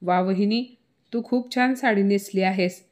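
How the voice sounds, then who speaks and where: A woman's voice: mid-range voice, a little slow, darkish tone, natural voice. A woman voicing a greedy young sister-in-law. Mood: flattering.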